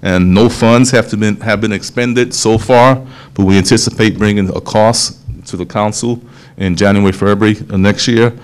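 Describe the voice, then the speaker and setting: A man, a police official explaining a program to a town hall meeting, steady and explanatory, often restarting phrases. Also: on the low side, moderate pace, smooth. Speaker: police official presenting to city council.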